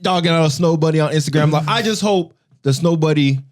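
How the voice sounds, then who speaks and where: A man's voice: a little high, quick pace. A man co-hosting a podcast, chatting casually with a dry, teasing manner. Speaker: podcast co-host.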